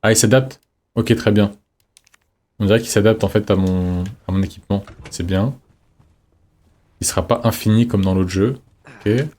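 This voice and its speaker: Low, mellow-voiced man streaming. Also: fairly even intonation, moderate pace, long pauses. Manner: chatty, reads in-game notes aloud, jokey asides. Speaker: streamer playing a horror game. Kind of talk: casual let's-play commentary.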